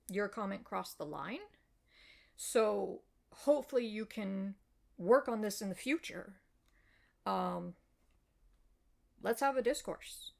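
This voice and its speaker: An American woman, an author, calmly replies to a reader's comment in a measured, explanatory way with frequent fillers. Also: medium pitch, creaky. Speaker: web fiction author. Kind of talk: reply video addressing a reader's comment.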